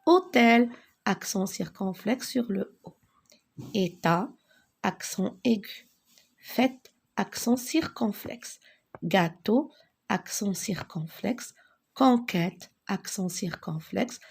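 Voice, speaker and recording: A woman teaching a French spelling lesson, talking slowly and deliberately and repeating key words for emphasis. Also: mid-range voice, creaky, breathy edge.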